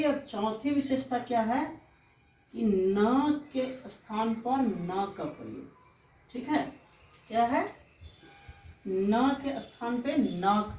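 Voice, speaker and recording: Female teacher, slow patient lecture, slightly high voice, roomy distant mic; read as a lesson. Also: darkish tone, a little hiss or hum. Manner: slow, explanatory, often checks with "ठीक है". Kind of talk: exam-prep lecture. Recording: echoey room, mic far off.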